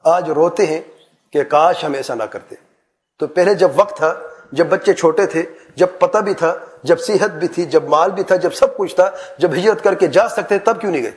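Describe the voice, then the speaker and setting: A middle-aged man preaching a sermon, giving earnest advice with rhetorical questions and repeated lists. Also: fairly high pitch. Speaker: Islamic preacher.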